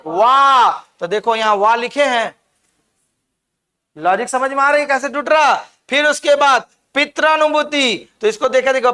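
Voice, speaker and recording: A man lectures on grammar with a strikingly high-pitched, bright and forceful voice. He walks through each example piece by piece, checking understanding with frequent questions to the students. His delivery is that of an experienced classroom teacher. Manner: explains step by step, keeps asking the class questions.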